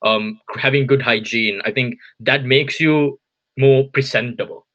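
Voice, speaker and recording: A man's voice: mid-range voice, fairly even intonation, unhurried, a bit bright, muffled recording. A man in his twenties, a podcast co-host, giving opinionated takes and teasing his friends, with frequent "um"s. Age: 20s. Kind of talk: casual chat. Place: home in Tokyo.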